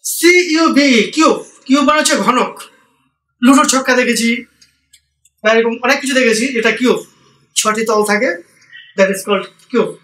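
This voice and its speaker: In an echoey room, heard from a distance, an Indian man with a very high-pitched, pushed and bright voice gives a vocabulary lesson for learners. He talks at normal speed with frequent pauses, spelling each English word letter by letter and explaining it patiently.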